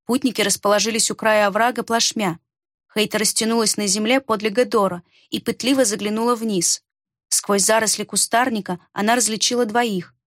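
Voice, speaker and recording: A woman reads a fantasy story in steady, measured narration. Her voice sits a little high and sounds dry and close to the mic. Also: dry recording. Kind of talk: scripted audiobook narration.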